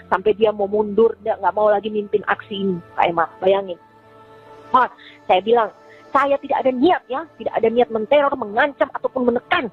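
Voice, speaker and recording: A woman's voice: mid-range voice, slightly rough. A woman animatedly recounting a heated argument on a recorded phone call, agitated and quoting both sides. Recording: tinny phone-line recording.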